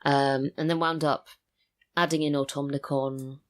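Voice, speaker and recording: In a studio interview, this British audio drama writer and voice actor talks in a deep, level voice at an unhurried pace. Her chat as a podcast guest is casual and reflective, full of stories from her working life.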